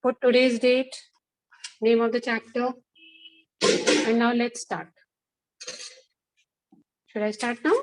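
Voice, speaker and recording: A woman's voice: fairly high pitch, flat delivery, slow, long pauses, slight background noise, poor audio. A woman with an Indian accent, a school teacher instructing an online class, repeating herself and checking in with questions.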